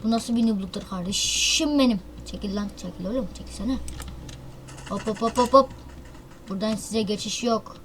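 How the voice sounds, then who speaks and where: Commentating live on a mobile shooter for her gaming channel, this host is excitable and slangy, bursting out loudly and mocking herself. She talks at normal speed in a mid-range voice, with slight background noise.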